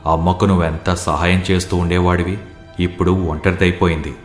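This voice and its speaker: A man voicing a deep, mournful ghost. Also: flat delivery, a little fast, faint music behind, close to an everyday voice. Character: ghost of a dead young man, sorrowful. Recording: echoey, roomy sound.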